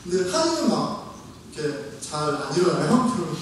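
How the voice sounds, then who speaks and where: A middle-aged man preaching a sermon as pastor, telling stories lively and acting out how he scolds his kids. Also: on the high side, moderate pace, slight background noise. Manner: animated storytelling, acts out scolding his kids. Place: church hall. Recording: echoey hall from far off.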